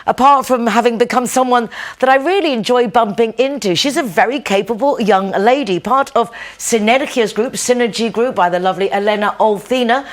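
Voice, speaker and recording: A woman's voice: on the high side, a little fast. A woman hosting a television program in a studio, interviewing a guest in a chatty way and laughing easily. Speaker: TV program host.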